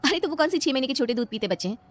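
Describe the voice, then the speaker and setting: Woman acting as stubborn young wife, scolding, high and quick, faint music. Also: animated, lightly acted. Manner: scolding, insistent. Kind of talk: comic skit dialogue.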